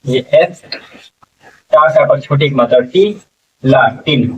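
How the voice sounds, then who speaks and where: Slow Hindi-speaking man teaching English spelling. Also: mid-range voice, steady tone, a bit bright, husky, distant mic. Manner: spells words letter by letter, repeating and asking "what will it become?". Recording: tinny phone-like sound from off mic.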